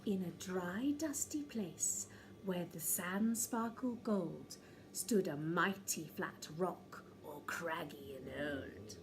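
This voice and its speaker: A woman reading a children's picture book aloud in an expressive, theatrical way with drawn-out emphasis. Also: lowish voice, background noise. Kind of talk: expressive read-aloud storytelling.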